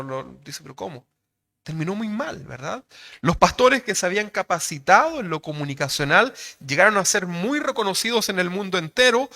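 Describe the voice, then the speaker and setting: This high-voiced Chilean preacher sounds bright and forceful as he delivers his sermon like a conversation. Almost every phrase ends with a rhetorical question to check in with listeners.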